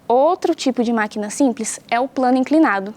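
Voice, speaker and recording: Her voice on the high side yet darkish in tone, a young Brazilian teacher runs through a home science lesson fairly quickly. She stays patient, explains things clearly, and asks the pupils questions.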